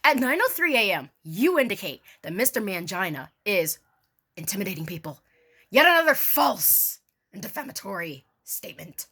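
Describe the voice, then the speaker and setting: With a fairly high, pushed and bright voice, a woman online creator performs a mock-formal dramatic reading in a theatrical manner, dropping in sarcastic and sweary casual remarks.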